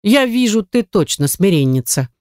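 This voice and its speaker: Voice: medium pitch, very animated, moderate pace, a little mellow, no room sound, clean studio sound, lightly acted. A reader voicing a curt, commanding middle-aged male butler in an audiobook, speaking brusquely to servants. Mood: stern. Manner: brusque, impatient. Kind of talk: audiobook character reading.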